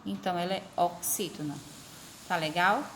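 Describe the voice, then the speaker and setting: A woman teacher explaining a lesson to her pupils, repeating examples slowly and stretching syllables. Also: lowish voice, fairly even intonation, slight background noise. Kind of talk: recorded remote class explanation.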